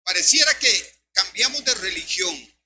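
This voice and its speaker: An older man preaches an emphatic sermon in a high-pitched voice. He keeps turning to his listeners and calling them brother. A steady hum and noise sit under the recording. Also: a little slow. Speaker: pastor.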